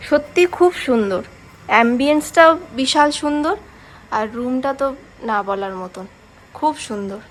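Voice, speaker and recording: A travel vlogger gives a casual tour of a hotel room and grounds, her high voice animated and her pace moderate. She gushes with praise and keeps saying "মানে", with a little hiss or hum in the audio.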